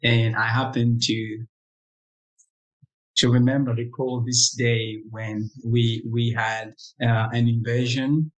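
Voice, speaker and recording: A young man from Congo shares his story as an interview guest. He talks in a reflective, unhurried way, often pausing and restarting phrases. His voice sits at an ordinary middle pitch. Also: level tone, low-quality recording. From Democratic Republic of Congo. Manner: reflective, halting, many restarts and "you know".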